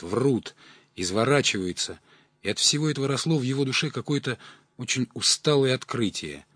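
Husky male audiobook narrator. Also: mid-range voice, no room sound, studio quality. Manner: measured storytelling, folksy wording.

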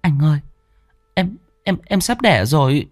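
A man's voice: on the high side, very animated, a little slow, no room sound, clean studio sound, soft background music, voice pushed up. A man voicing a young pregnant wife crying out in pain and panic. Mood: panicked. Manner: pleading, panicked.

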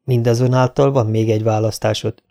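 Egy férfi, aki egy nyugodt, komoly trónörököst szólaltat meg, megfontoltan érvelve. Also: male voice, mid-range voice, fairly even intonation, mellow, natural voice. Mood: grave. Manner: measured, reasoning. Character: calm, grave royal prince, heir.

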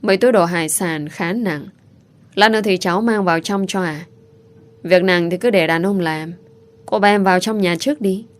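A woman voicing a caring young father who speaks softly and slowly. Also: lowish voice, natural voice. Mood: tender. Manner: soft, slow, tender.

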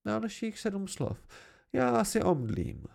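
A man's voice: sits high, very animated, gravelly, a little mellow, pitched above the performer's own voice, exaggerated voice. A man voicing a teasing, guarded young woman in an amateur audiobook, in a lighter, raised voice with dramatic sighs. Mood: mock dramatic.

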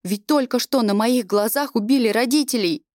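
A woman voicing a proud, furious orphaned teenage girl who speaks high and loud, close to tears, in a storybook reading. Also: normal speed, no echo, lightly acted. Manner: shouting, high and tearful.

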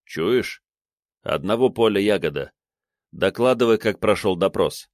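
Businesslike major, brisk and matter-of-fact, read by a male narrator; lowish, dry. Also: expressive, no room sound.

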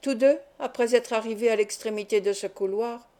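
A woman's voice: on the high side, moderate pace, dark tone. A woman reading a classic adventure novel aloud as an audiobook narrator, lifting her voice for the quarrels in the dialogue. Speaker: audiobook reader. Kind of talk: scripted narration.

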